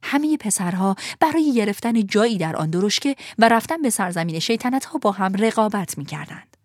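A woman narrating a storybook in an expressive, vivid manner. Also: medium pitch, no room sound, clean studio sound.

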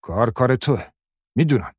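A man voicing a brutal, angry middle-aged husband who shouts threats in a dry, husky voice. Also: on the low side, expressive, no room sound. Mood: accusing. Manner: shouting, menacing.

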